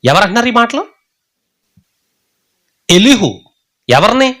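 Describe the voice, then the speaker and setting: Male preacher, rather high and very lively voice, quizzes his flock as he preaches. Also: takes it slowly. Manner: animated, asks the congregation rhetorical questions, acts out the scripture quotes. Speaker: pastor. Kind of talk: Telugu Bible sermon.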